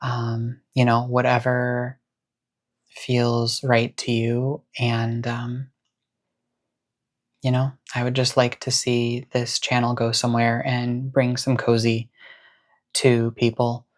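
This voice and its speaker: The host of a planner and stationery channel chats casually to camera in a cozy hobby vlog. Her voice is medium-pitched, soothing and monotone, and she takes things slowly. She rambles in a chill, encouraging way.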